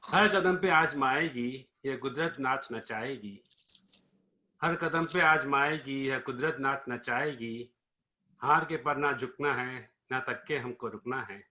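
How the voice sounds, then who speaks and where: Man reciting verse in a bright voice. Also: medium pitch. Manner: measured, rhythmic reading. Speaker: participant reciting his poem. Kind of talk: poetry recitation.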